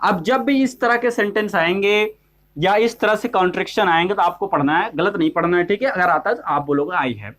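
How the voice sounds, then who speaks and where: A man's voice: high-pitched, fairly quick, a bit bright. A male English teacher giving a classroom-style grammar lesson, asking questions and answering them himself, and checking often that students follow. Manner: repeats "ठीक है?" to check on students.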